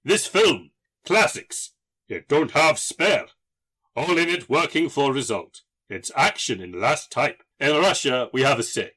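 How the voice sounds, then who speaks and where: A man's voice: mid-range voice, lively intonation, unhurried, pushed and bright, slightly rough, heavily acted. A man voicing an earnest Russian film fan who speaks broken English with missing words and odd phrasing. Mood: earnest admiring.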